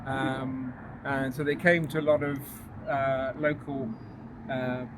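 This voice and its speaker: A man's voice: medium pitch, level tone, slow. A man guiding a ghost walk, telling anecdotes casually and hesitantly to a small group outdoors. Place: outdoors on a walking tour near a road. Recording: noisy outdoor recording with passing vehicles.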